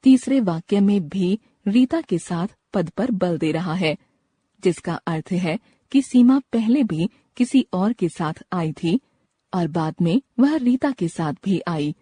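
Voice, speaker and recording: Slow, husky woman reading a grammar lesson. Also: fairly low pitch, lively intonation, mellow, no room sound. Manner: reads word lists one item at a time. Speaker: grammar reader.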